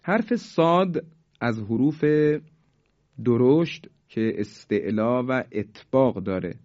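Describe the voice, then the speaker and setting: A man teaching tajweed. He explains each rule quickly, then recites the examples slowly and drawn out. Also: mid-range voice, expressive, a little mellow. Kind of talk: tajweed lesson. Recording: dull lo-fi recording.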